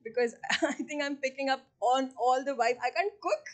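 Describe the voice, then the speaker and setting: A woman from Pakistan hosting a casual podcast interview, animated and teasing, laughing often. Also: sits high, normal speed. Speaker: podcast host.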